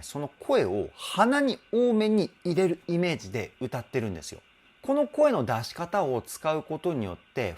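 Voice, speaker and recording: A male vocal coach breaks down a song's vocals, his pitch swooping wildly from low to high as he explains. He is enthusiastic and exclaims often, then turns polite and apologetic in quick asides. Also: a little mellow. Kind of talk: song reaction and vocal analysis.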